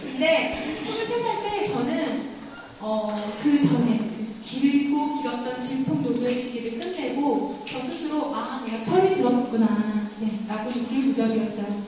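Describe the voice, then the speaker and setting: A woman's voice: high-pitched, measured pace. A woman in her thirties giving a lecture in a university lecture room, telling personal stories and asking the audience questions. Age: 30s. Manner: chatty, warm storytelling, asks the audience questions. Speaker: communication lecturer. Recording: echoey lecture hall from far off, faint noise.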